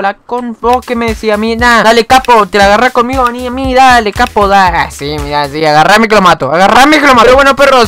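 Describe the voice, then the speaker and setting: A young man rattles off casual gameplay commentary in a high, bright-edged voice. He is excitable and slangy, swearing and joking as he plays. Background music runs clearly under his voice. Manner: excitable, slangy and profane, jokes and trash talk. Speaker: gaming YouTuber.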